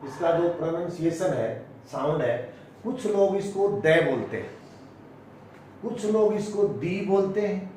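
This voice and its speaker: Slow echoey Indian English teacher. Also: male voice, sits high, expressive, darkish tone, a little hiss or hum. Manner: slow, repeats key words, switches into English phrases. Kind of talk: classroom-style explanation. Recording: echoey room, voice from a distance.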